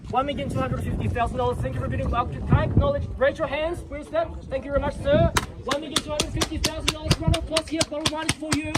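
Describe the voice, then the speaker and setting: Male real estate auctioneer, extremely high voice, showy rallying patter and repeated bid calls. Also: flat delivery, fast talker, few pauses, heavy background noise. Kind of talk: live auction calling, repeating bid amounts. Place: live property auction before a crowd.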